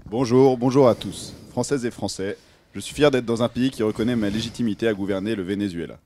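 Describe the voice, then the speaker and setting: Guy doing a proud politician speechifying, kinda low voice, talks fast, dry studio sound. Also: a little mellow, a little hiss or hum, natural voice. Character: self-assured male politician addressing the nation. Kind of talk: student radio role-play.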